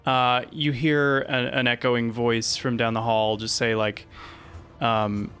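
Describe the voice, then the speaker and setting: A man with a medium-pitched voice acts as game master for a tabletop game. He narrates slowly and casually, improvising with some hesitation, with faint music behind him. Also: flat delivery, fairly bright tone, smooth.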